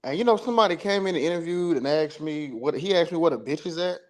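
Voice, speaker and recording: A man's voice: on the high side, lively intonation, fast. A man talking casually on a livestream, rambling and slangy with frequent restarts. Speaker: livestream guest.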